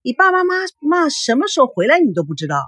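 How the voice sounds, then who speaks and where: A woman's voice: mid-range voice, lively intonation, moderate pace, slightly rough, no echo, clean studio sound. A woman voicing a flustered young man who is hesitant and worried.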